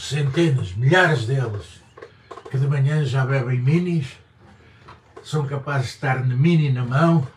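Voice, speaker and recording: This vlogger is an older man from Portugal whose mid-range, slightly mellow voice carries a European Portuguese accent. He wanders from point to point in a casual opinion piece, repeating things for emphasis. The mic is distant and the room roomy, with faint ambience and slight background noise.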